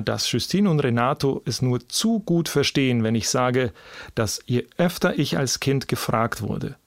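A male podcast host reads his scripted narration at a medium pitch. His delivery is personal and story-like, with a dry, close sound and no room echo. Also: gravelly.

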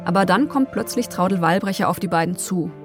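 A woman narrating a documentary podcast as its host, in a calm storytelling manner with occasional personal asides. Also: on the low side, a little fast, faint music behind.

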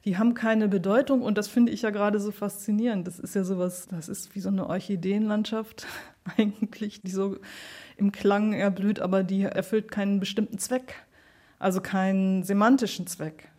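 A woman with a medium-pitched, darkish voice speaks steadily at normal speed in a conversational interview. As a sound artist and radio play maker, she gives thoughtful, explanatory answers about her work.

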